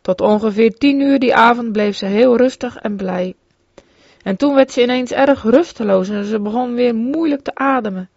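Woman, solemn measured memoir reading, dull lo-fi sound. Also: on the high side, darkish tone, no room sound. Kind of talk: reading a religious memoir aloud. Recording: dull dry lo-fi recording.

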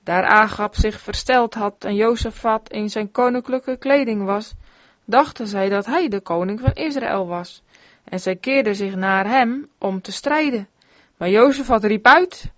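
A woman reading an old-fashioned sermon aloud in an earnest, measured way. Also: a little high, no room sound. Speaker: sermon reader. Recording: dull, dry lo-fi recording.

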